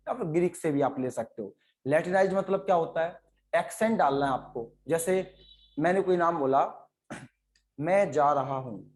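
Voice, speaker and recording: High-voiced Indian man teaching biology online. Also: a little mellow. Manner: explains in Hindi mixed with English terms, calls on students by name. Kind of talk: online class lecture. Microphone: online class setup.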